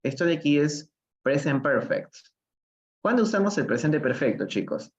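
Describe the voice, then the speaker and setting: A man's voice: fairly high pitch, animated, normal speed, muffled recording. A man from Peru teaching English in a live online reading lesson, patiently explaining step by step and switching between Spanish and English.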